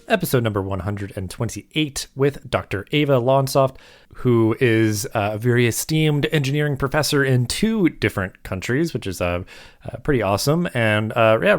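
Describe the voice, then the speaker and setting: A man hosting a podcast interview in a relaxed, casual way, with lots of filler words. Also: medium pitch, dry recording, studio quality. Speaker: podcast host.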